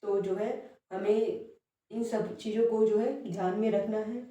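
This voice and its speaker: Woman teacher, mellow voice, far off the mic in a very echoey room, patient and repetitive. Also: medium pitch, little pitch movement, a little slow. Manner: explanatory, repeats words, frequent fillers. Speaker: Hindi teacher. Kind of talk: classroom lesson on spelling.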